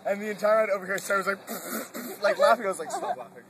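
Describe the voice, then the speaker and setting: A man teasing his friends on a boat outdoors, loud and profane, laughing between lines. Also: high-pitched, fairly even intonation, fast, a loud crowd. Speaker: prankster friend. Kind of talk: rowdy casual banter.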